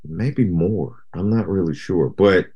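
Very deep-voiced relaxed man. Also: slow pace, breathy edge, highs cut off. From Japan. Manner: relaxed, rambling, many "you know" fillers. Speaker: guest rapper. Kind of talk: casual interview chat.

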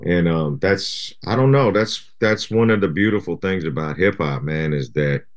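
Very deep-voiced relaxed man. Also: moderate pace. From Japan. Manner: relaxed, rambling, many "you know" fillers. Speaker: guest rapper. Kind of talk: casual interview chat.

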